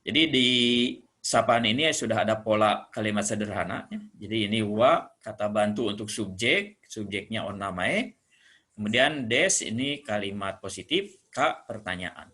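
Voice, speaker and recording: A man from Indonesia teaching Japanese greetings, patiently explaining and slowly repeating each phrase. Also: on the low side, animated, pushed and bright. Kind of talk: classroom explanation.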